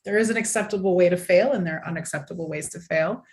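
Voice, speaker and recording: A woman's voice: lowish voice, quick pace, darkish tone. A woman from Hong Kong speaking candidly and animatedly as a panelist on a video call. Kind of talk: panel discussion.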